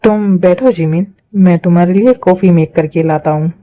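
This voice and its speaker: A woman's voice: lowish voice, normal speed, highs cut off, natural voice. A woman voicing a stern, protective older brother in a fan-made dubbed drama. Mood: polite. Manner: scolding, protective.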